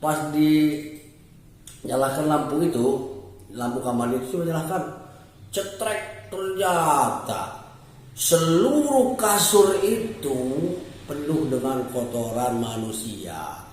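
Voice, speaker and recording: A male storyteller telling a comic folk tale, his voice lively and swooping with a somewhat high pitch. He sounds distant in a very echoey room over faint background noise. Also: slow pace. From West Java. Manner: animated, jumping between voices.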